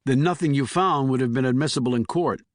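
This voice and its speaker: A man's voice: medium pitch, quick pace, dry recording, clean studio sound, lightly acted. A man voicing a terse, controlled male army investigator in an audiobook.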